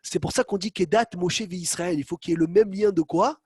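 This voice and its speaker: A man with a high voice teaches a Torah class on a video call, animated, acting out quotes and calling on students by name. The sound is very dry and close. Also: a little fast, slightly rough, no echo. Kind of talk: online Torah lesson.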